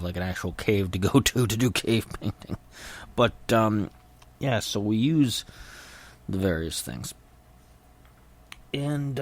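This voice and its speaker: A middle-aged man hosting a casual solo podcast, rambling haltingly with his jaw held nearly shut, so his words come muffled through his teeth. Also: fairly low pitch. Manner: halting and hesitant, repeating words. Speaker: podcast host.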